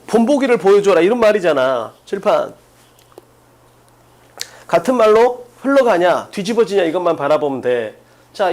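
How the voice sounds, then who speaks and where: A man teaching an exam-prep English class, firing quick questions at students and stressing key points. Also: sits high, darkish tone. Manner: drills students with rapid questions, emphatic.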